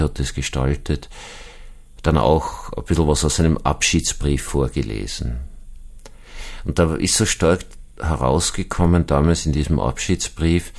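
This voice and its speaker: Man, Austrian German accent, pastor, extremely low voice, conversational sermon, repeats words for emphasis. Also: a little mellow. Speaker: Protestant pastor. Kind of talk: spoken sermon reflection for an online audience.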